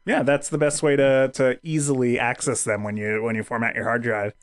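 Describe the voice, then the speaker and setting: A young man co-hosting a podcast, trading crude deadpan jokes in casual chat. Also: mid-range voice, brisk, no room sound, clean studio sound. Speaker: podcast co-host.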